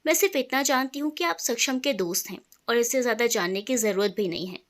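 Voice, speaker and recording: A woman's voice: on the high side, fast talker, close to an everyday voice. A woman voicing a reserved, sad young wife who answers curtly and guardedly, in a storybook reading. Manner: curt, guarded.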